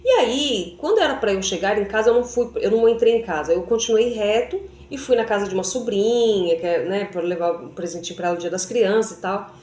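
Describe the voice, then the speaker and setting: This woman's vlog is a chatty personal faith testimony, often turned toward her audience with small tag questions. She talks fairly quickly with few pauses in a slightly mellow, mid-range voice, recorded in an echoey room.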